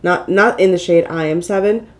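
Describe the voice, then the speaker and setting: A woman with a lowish voice speaks at an ordinary pace, sounding slightly nasal and stuffed up from a mild cold. She's a beauty vlogger hosting her own get-ready-with-me makeup video, chatting casually and poking fun at herself.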